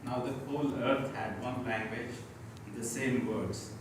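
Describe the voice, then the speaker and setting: A man reading a scripture passage aloud to a Bible study group, steady and even. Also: mid-range voice, measured pace. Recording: distant mic in an echoey room, hissy.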